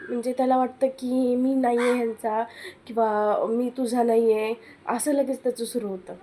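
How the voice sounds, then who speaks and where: A woman's voice: a little high, level tone, moderate pace, dark tone, slight background noise. A young woman with a Marathi accent, talking candidly about her children and advising other mothers in a casual home vlog. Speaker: vlogger and mother.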